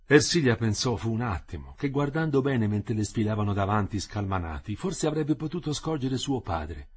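A man with a husky voice reads a novel aloud, his pitch rising and falling freely. His delivery is expressive and varied, in a dramatic literary reading. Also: moderate pace. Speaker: reader.

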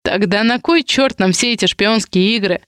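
A woman voicing a big, possessive young man who talks slowly in clipped lines, holding back a growl. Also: mid-range voice, fairly bright tone, smooth, no echo, clean studio sound, lightly acted. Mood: irritated.

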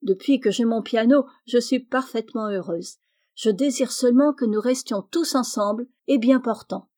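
A shy, gentle teenage girl, as a woman reads her, soft and content. Her voice lifts a little above the reader's own and is somewhat louder, mellow in tone. A storybook reading. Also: fairly high pitch, moderate pace, natural voice.

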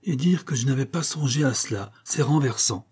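A man reading aloud and voicing an excitable, agitated older colonel who owns a racehorse. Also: mid-range voice, normal speed, breathy edge. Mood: excited. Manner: excitable, exclaiming.

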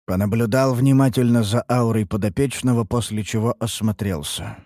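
Steady male audiobook narrator, dry sound. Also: medium pitch, no echo. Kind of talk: first-person fantasy audiobook narration.

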